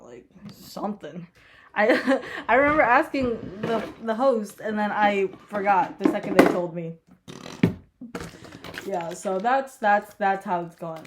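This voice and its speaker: A young woman in college, her mid-range voice stuffed up and congested, chats casually while getting ready in a get-ready-with-me vlog. She rambles with lots of fillers, swears, and giggles, all over heavy background noise.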